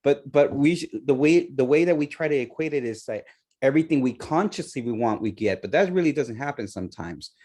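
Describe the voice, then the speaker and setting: A man from El Salvador chatting on a radio talk show. His voice is mid-pitched, and he talks in an earnest, reflective way, often breaking into laughter. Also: animated, a little fast, a little mellow. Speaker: co-host, immigration lawyer. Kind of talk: casual radio chat.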